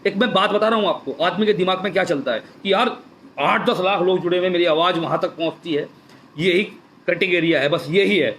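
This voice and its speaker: With a high, fairly bright voice and a quick pace, an activist speaks passionately on a Facebook live stream, hammering his points repeatedly and asking rhetorical questions. The phone or webcam recording has slight background noise.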